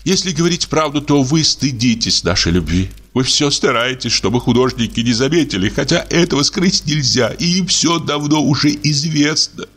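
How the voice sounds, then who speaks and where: A man's voice: animated, moderate pace, hardly any pauses, fairly bright tone, husky. A man voicing a tearful, needy young woman who pleads and sobs as he reads a story aloud. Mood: sobbing. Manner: sobbing, pleading high-pitched delivery.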